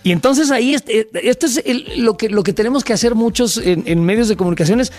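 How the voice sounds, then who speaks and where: A man's voice: high-pitched, fast, darkish tone, soft background music. A middle-aged man with a Mexican accent, co-hosting a casual debate chat, emphatic and full of fillers as he tells stories. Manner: emphatic, storytelling with many fillers. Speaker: podcast co-host.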